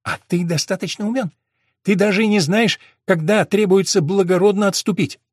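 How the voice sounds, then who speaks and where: Man putting on an indignant wife, raised pitch, shouting, dry sound. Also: moderate pace, no echo. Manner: indignant, pleading, rising to shouts. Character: angry, defiant wife in her marital quarrel.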